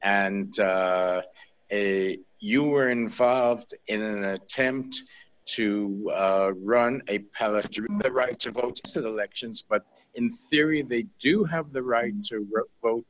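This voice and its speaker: A man's voice: fairly low pitch, slow pace, dull audio. A man moderating a panel discussion, steering the guests with direct questions.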